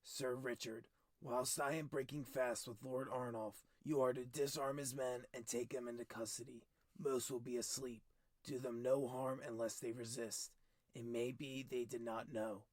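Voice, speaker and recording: A man voicing a stern, cold middle-aged king who talks in clipped, forceful commands, higher and louder than his narration. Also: little pitch movement, normal speed, dry recording, close to an everyday voice. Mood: commanding.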